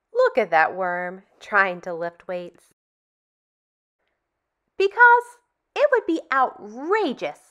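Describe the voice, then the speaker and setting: For preschool listeners, a woman storytime host reads aloud in a high, fairly bright voice. Her pitch swings widely in an exaggerated sing-song, and she goes slowly, enunciating every phrase.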